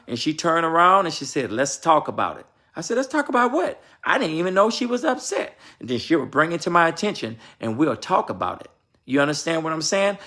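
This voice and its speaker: A man's voice: on the high side, pushed and bright. Emphatic man preaching about marriage. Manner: emphatic, repetitive, sermon-like; addresses viewers and asks his wife for confirmation. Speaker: vlogger giving marriage advice. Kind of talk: preachy casual talk.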